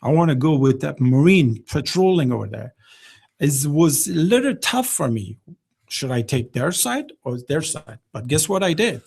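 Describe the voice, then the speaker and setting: Afghan-accented middle-aged male guest, gravelly voice, emphatic and earnest, at a studio desk mic. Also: a little high, sing-song, moderate pace, darkish tone. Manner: passionate, emphatic, non-native grammar. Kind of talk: radio interview. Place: small radio studio. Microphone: desk microphone.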